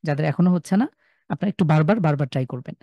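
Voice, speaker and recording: A man's voice: on the high side, very fast, dry recording, highs cut off. A man with a Sylheti Bengali accent teaching a live online class, patiently drawing out and repeating each sound for his students. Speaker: Quran recitation teacher.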